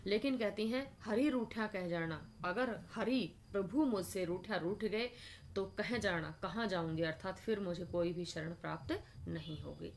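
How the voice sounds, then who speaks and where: A woman's voice: medium pitch, normal speed, creaky, slight background noise. A woman teacher reciting devotional verses line by line, then explaining each word in a patient lecture. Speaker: Hindi literature teacher. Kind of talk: line-by-line poetry explanation lesson.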